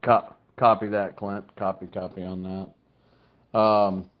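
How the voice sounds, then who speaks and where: A man with a lowish voice and flat delivery chats casually over two-way radio at a measured pace, thinking aloud hesitantly like a radio operator. The sound comes through a radio app or handset, muffled and band-limited like a walkie-talkie.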